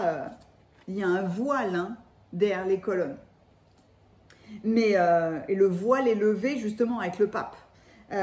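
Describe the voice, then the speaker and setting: Speaking at a medium pitch with a darkish tone, a tarot card reader chats enthusiastically and off the cuff, lisping on her s sounds. Her exclamatory reading echoes around the room.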